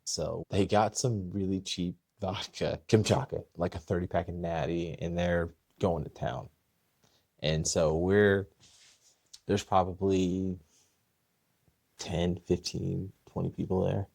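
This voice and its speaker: A man co-hosting a podcast, telling a story in a rambling, animated way with many restarts and voiced impressions. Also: low voice, slow, vocal fry, dry recording, clean studio sound. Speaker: podcast co-host. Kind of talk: casual storytelling chat.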